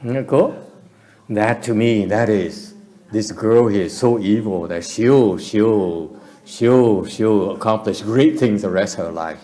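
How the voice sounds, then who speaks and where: Low, mellow-voiced man giving a dharma talk. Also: takes it slowly. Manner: switches between English and Vietnamese, chuckling often. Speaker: meditation teacher. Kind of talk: retreat dharma lecture. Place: temple lecture hall.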